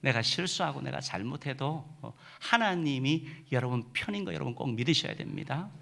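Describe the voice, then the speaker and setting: A man's voice: mid-range voice, expressive, fairly quick, gravelly, fairly bright tone. A middle-aged man preaching a sermon as senior pastor, emphatic and full of filler "uh"s.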